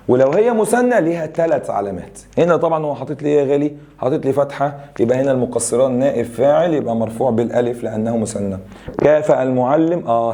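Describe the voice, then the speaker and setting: A young adult man with an Egyptian accent teaching a grammar review lesson, explaining rules and firing quick questions at students. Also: medium pitch, dark tone. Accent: Egyptian Arabic.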